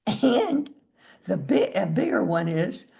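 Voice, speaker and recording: A woman's voice: mid-range voice, big pitch swings, slow, gravelly, warm tone. A woman, older, giving a spiritual talk in a musing way, chanting mantras now and then. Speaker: spiritual teacher.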